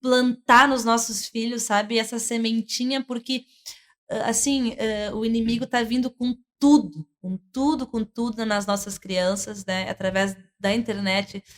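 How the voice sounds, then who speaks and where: A woman's voice: fairly high pitch, steady tone, unhurried. A woman, a church minister telling an earnest, emotional testimony in conversation. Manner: earnest, emotional storytelling with many fillers. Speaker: church minister, worship leader.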